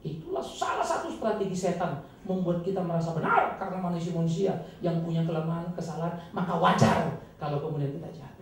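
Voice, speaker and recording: Pendeta laki-laki, khotbah dramatis, mikrofon jauh, sedikit desis. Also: male voice, expressive, fast talker. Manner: emphatic, dramatic preaching with sudden loud high bursts. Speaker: pastor. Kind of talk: sermon. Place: church hall. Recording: echoey hall, distant mic, faint noise.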